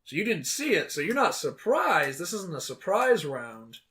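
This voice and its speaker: A man's voice: sits high, big pitch swings, moderate pace, fairly bright tone. Rambling male game master. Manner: loose, rambling, many fillers. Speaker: dungeon master. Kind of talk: narrating a tabletop game.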